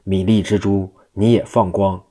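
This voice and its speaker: A man's voice: sits low, flat delivery, moderate pace, mellow. A man reading the lines of an ancient male monk spirit in a storybook tale, solemn and warning.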